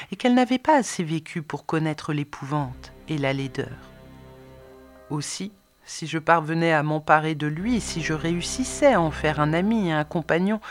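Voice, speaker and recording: A woman narrating an audiobook in the first person, expressive, swinging between soft and emphatic delivery. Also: deep voice. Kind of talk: scripted narration.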